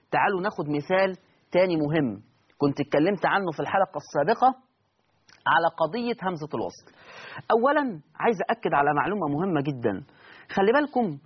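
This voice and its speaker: A man's voice: high-pitched, breathy edge, dull audio. A man with an Egyptian Arabic accent teaching Quran recitation rules step by step, asking his students questions and answering them himself. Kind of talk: recorded lesson.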